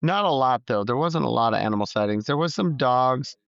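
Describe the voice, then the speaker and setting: A man talking as a podcast guest, telling his race story in a relaxed, rambling way with lots of fillers. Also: medium pitch, brisk, creaky, clean tone, no room sound. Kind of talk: casual interview chat. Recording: slightly dull, dry sound.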